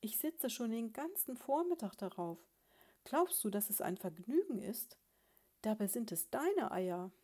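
A woman reading a storybook, voicing a prim, self-assured female sparrow who lectures her husband in a patronizing, gently scolding way. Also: mid-range voice, expressive, unhurried. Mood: lecturing.

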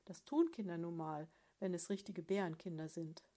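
A woman's voice: fairly low pitch, normal speed, warm tone, lightly acted. A woman reading aloud, voicing a patient, motherly female bear in a children's story, soothing her husband.

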